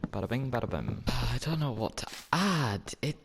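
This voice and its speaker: A man's voice: mid-range voice, sing-song, moderate pace, creaky, noisy background. A man talking to himself in a casual, rambling way while he plays a building game and chats to the viewers. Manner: rambling, self-talking, playful. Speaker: Minecraft gameplay commentator. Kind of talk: casual gameplay commentary.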